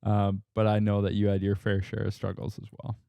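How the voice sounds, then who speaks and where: A man hosting a family podcast, asking questions in a relaxed way with teasing, joking asides. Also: lowish voice, a little fast, vocal fry, smooth, no echo, dull audio. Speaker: podcast host. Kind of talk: casual family podcast interviewing.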